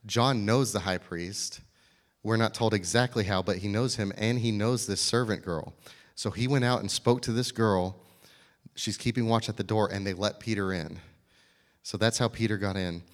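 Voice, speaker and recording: A man preaches with a fairly low voice, walking through scripture in a plainspoken way and putting questions to his listeners. His words carry a long reverb tail through a large hall. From American South. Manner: plainspoken, explains scripture with everyday examples and questions. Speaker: pastor. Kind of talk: sermon.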